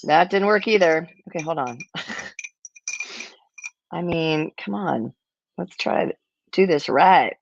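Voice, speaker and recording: A woman's voice: on the low side, slow pace, vocal fry, pauses often, highs cut off, background noise. A woman hosting a casual cocktail-making demo, chatty and self-deprecating, with rambling asides. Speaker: cocktail show host.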